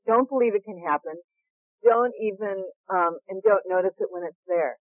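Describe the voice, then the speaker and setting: A woman's voice: mid-range voice, moderate pace, no echo. A woman host of a call-in show who affirms her guest with enthusiasm. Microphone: telephone. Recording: tinny phone line, dry.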